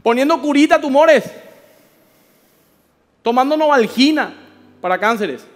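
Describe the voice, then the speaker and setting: A man with a Paraguayan Spanish accent, a pastor preaching a sermon with animated storytelling and acted-out voices. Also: extremely high pitch, unhurried, long reverb tail.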